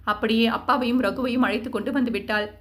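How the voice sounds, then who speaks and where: A woman's voice: a little high, quick pace. Woman narrating a Tamil audio novel. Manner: steady storytelling. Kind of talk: scripted narration.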